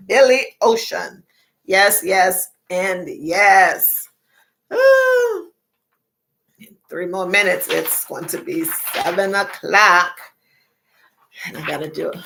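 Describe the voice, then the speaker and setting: A woman's voice: on the low side, vocal fry, fairly bright tone. A middle-aged woman hosting a casual livestream chat, chatty, repeating phrases and laughing often. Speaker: livestream host.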